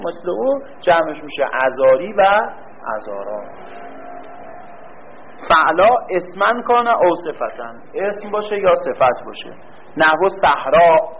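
A man giving a grammar lecture, quizzing the class with questions and answering them himself, stretching out key words. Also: on the high side. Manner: drawn-out stress on key words. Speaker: teacher. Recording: dull lo-fi recording with faint room hum.

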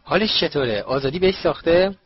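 A man's voice: fairly high pitch, lively intonation, breathy edge, no echo, pitched above the performer's own voice. A man voicing a curious, kind teenage boy wizard who asks eager, surprised questions, in a lo-fi audiobook recording.

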